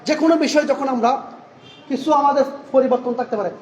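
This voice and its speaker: A man delivering a Friday sermon in a mosque, asking rhetorical questions and answering them himself, and reciting Arabic phrases slowly and carefully. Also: extremely high pitch, a little mellow, dull audio. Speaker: preacher. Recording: echoey hall reverb, faint room noise.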